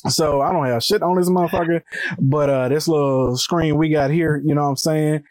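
A man hosting a casual podcast from inside a closet, rambling in profane, animated slang. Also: on the high side, normal speed. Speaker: podcast host.

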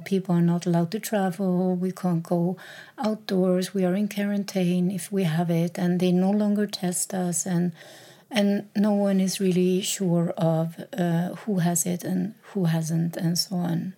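Soft-toned woman hosting a reflective podcast. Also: on the low side. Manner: hesitant, many fillers and repeated words. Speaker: podcast host.

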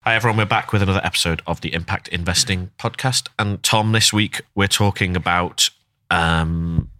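Low bright-toned northern English man. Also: steady tone, normal speed. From Northern England. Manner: chatty, hesitant with many ums. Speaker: podcast co-host. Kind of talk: casual chat.

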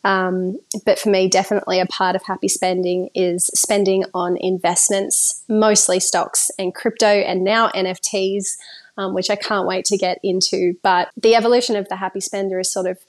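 A woman's voice: medium pitch, level tone, moderate pace. Chatty woman guest, lots of fillers. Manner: chatty, many fillers, laughs often. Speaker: podcast guest. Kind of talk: casual interview talk.

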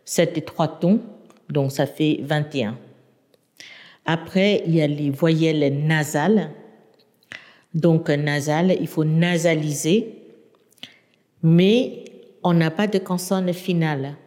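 A woman's voice: low voice, steady tone, slow, pauses often, a little mellow, long reverb tail. A native Burmese-speaking woman, a university lecturer, explaining her language in an interview with hesitant, restarting speech.

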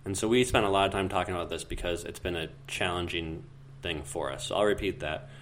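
Deep-voiced man chatting on a podcast. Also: quick pace, slight background noise. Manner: relaxed, rambling, thinks aloud with fillers. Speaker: podcast co-host. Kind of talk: casual chat.

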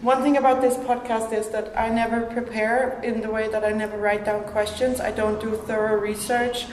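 A woman from Denmark hosts a casual podcast conversation, chatty and full of "like" fillers. Her voice sits a little high. She speaks inside a gallery room with long, roomy reverb and a faint hiss behind her. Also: level tone, normal speed. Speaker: podcast host.

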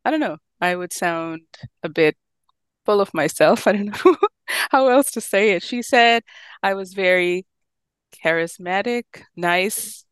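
A woman's voice: mid-range voice, expressive, unhurried, clean tone, no room sound. A woman in her thirties from Pakistan, a physician guest telling her story in a friendly way and laughing easily. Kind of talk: casual interview talk.

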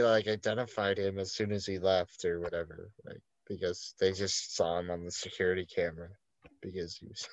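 A man's voice: lowish voice, no room sound, lo-fi sound. Rambling man with constant fillers. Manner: rambling storyteller, heavy "like" fillers and swearing. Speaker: podcast co-host. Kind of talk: casual podcast chat.

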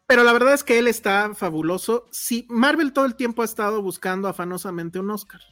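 A woman's voice: medium pitch, animated, a little fast, a bit bright, faint music behind. A woman with a Mexican Spanish accent chatting casually as a film reviewer, slangy and full of hedges. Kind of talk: casual movie review chat.

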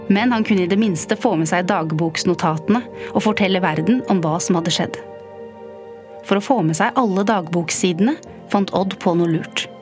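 A woman narrating a scripted history story in a calm, even way. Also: on the low side. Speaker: podcast narrator. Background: faint music.

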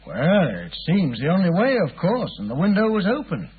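An actor playing a weary, puzzled English police inspector, chatty and deferential, in a 1950s radio drama. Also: male voice, high-pitched, wildly swooping pitch, normal speed, breathy edge, narrow, tinny audio, heavily acted. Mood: confiding. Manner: hesitant, colloquial, deferential.

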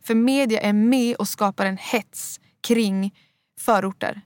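A woman's voice: mid-range voice, no room sound. A young woman from Sweden co-hosting a podcast, talking in an earnest, emphatic, chatty way. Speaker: podcast co-host. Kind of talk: casual chat.

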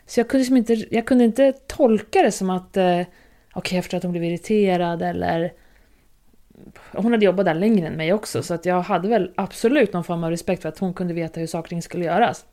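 A woman in casual chat, telling a work story in a lively, filler-heavy way. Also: fairly low pitch.

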